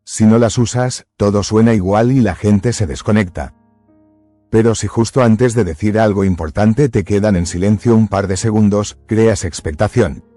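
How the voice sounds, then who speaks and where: A man giving scripted motivational narration in a measured, emphatic way, close to the mic. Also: lowish voice, mellow, no echo, faint music behind.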